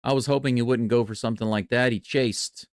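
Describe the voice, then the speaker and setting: A man doing live baseball play-by-play and reaction in a chatty, excitable way. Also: mid-range voice, brisk, smooth, no room sound, clean studio sound. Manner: excitable, chatty, jumps from calm to loud cheering. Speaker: play-by-play streamer.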